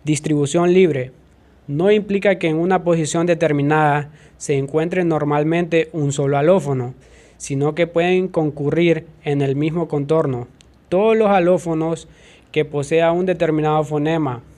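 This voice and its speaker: A man reading phonetics definitions aloud in a careful, measured way. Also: a little high, steady tone, darkish tone.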